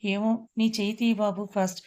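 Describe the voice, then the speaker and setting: A woman's voice: mid-range voice, little pitch movement, fairly quick, a little mellow, smooth, close to an everyday voice. A woman reading as a teasing young heroine. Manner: teasing, mock-angry.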